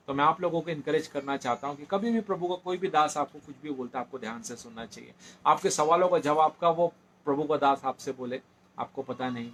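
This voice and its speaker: A man's voice: on the high side, fairly bright tone, a little hiss or hum. Man telling a personal testimony. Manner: storytelling, repeats phrases, many fillers. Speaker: speaker giving a personal testimony.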